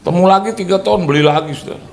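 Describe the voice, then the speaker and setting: A male pastor preaching a sermon, a lively, joking storyteller who keeps calling out to the congregation. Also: sits high, rapid-fire, vocal fry.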